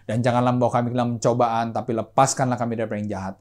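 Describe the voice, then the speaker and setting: A man serving as pastor, preaching with rising emphasis and then leading a steady prayer, often calling out to his listeners and to God. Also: medium pitch, racing. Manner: animated preaching, often adding "saudaraku" and "gitu"; softer, steady prayer voice, repeating "Tuhan". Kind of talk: sermon and prayer.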